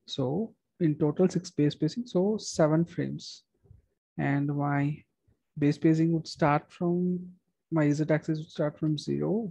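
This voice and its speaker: A young man who is a structural engineer, giving a methodical screen-recorded software walkthrough with frequent fillers and restarts. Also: fairly high pitch, gravelly, husky, no room sound, poor audio.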